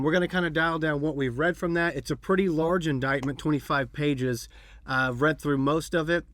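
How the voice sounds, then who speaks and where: A man's voice: medium pitch, fairly bright tone, dry recording. Casual rambling podcast host man. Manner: rambling, with fillers and restarts. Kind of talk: casual chat.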